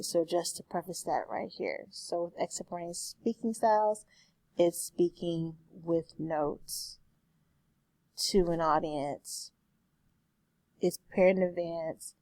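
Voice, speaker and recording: A woman speech instructor gives a recorded online lecture conversationally, often correcting herself and saying "excuse me". Her voice is fairly low and a little mellow, with no echo.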